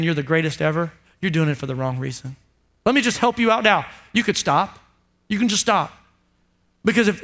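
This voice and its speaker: A man preaching a motivational sermon in a booming, emphatic way, repeating short phrases and putting rhetorical questions to listeners. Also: fairly bright tone.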